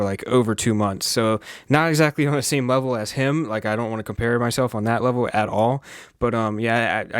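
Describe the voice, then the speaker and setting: A man's voice: mid-range voice, smooth, dry recording, studio quality. A young man hosting a reaction video, chatting casually and sympathetically with plenty of ums. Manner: relaxed and sympathetic, with many ums and asides.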